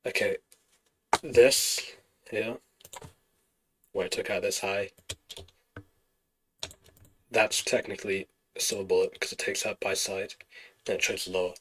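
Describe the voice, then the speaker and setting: A man with a low voice streams his trading session live. He walks through chart setups and answers chat in a relaxed, explanatory way, thinking aloud as he goes. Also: a little slow, long pauses, slight background noise, rough recording.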